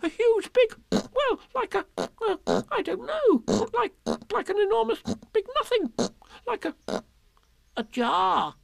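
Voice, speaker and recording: A man's voice: very high voice, wildly swooping pitch, slow pace, creaky, long pauses, dry recording, voice pushed up, heavily acted. A man voicing a small, timid piglet in a children's story, breathless, stammering and squealing. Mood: breathless, flustered.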